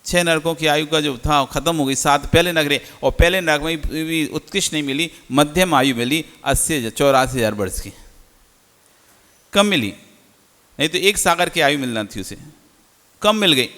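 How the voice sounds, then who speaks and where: A man with a fairly high, bright and forceful voice preaches as a Jain monk. He teaches by asking his listeners questions, and a long reverb hangs after his words in a large hall. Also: normal speed. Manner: rhetorical questions to the audience, teacherly. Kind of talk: sermon.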